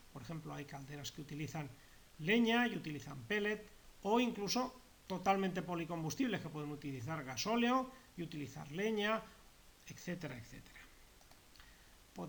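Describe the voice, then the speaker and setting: A man lectures on a technical subject at a methodical pace. He often repeats himself and rephrases terms. His voice sits a little high for a man. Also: a bit bright. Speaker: heating course instructor.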